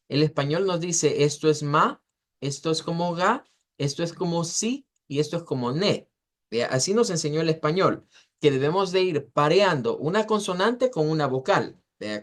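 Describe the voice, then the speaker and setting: A man teaches pronunciation in a slightly high voice. He explains step by step and pauses to drag model words out syllable by syllable. His pace stays patient, like a teacher at a class. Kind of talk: online class lecture.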